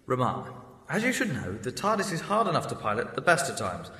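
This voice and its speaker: A man's voice: mid-range voice, huge pitch swings, a little fast, sharp tone, breathy edge, heavily acted. An actor playing the Doctor, an eccentric male time traveller with a whimsical, exclamatory manner. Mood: wry. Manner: whimsical, exclamatory, British phrasing. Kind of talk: fan audio drama acting.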